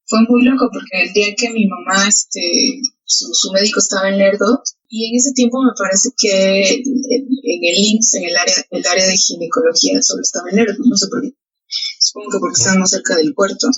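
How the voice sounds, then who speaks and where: A woman's voice: medium pitch, brisk, slightly rough. A young adult woman from southern Veracruz in Mexico, a photographer, chatting as an interview guest with a Veracruz accent, laughing often and using many fillers. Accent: Mexican Spanish (southern Veracruz). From Los Tuxtlas, Veracruz, Mexico. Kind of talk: casual interview chat. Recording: muffled lo-fi podcast audio.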